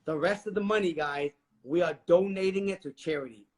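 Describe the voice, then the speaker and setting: High-voiced man giving an emphatic pep talk. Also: a little fast. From Vietnam. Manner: emphatic and preachy, addresses listeners directly. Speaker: guest, real estate investor. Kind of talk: motivational interview talk.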